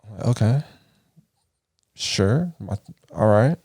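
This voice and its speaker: Male podcast host from the Caribbean, low register, casual and profane storyteller. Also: slow pace, slightly rough. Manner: animated, profane, acts out quoted voices.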